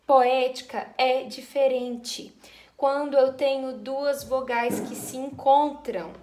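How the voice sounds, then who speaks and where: A woman teacher giving a school lesson, explaining step by step in an affectionate way. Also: high voice. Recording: echoey room.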